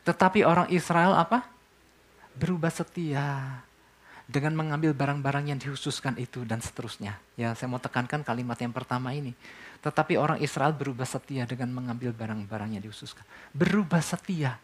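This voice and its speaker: A fast-talking pastor preaches to his congregation in a conversational tone. He asks question after question and answers each one himself, his voice pitched at an ordinary middle level, all in the form of a sermon.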